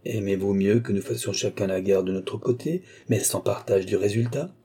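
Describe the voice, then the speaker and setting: Haughty noble countess, a man reading her, husky and dark-toned, audiobook. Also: lowish voice, moderate pace. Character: proud, quick-tempered noble countess. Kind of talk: audiobook character voice.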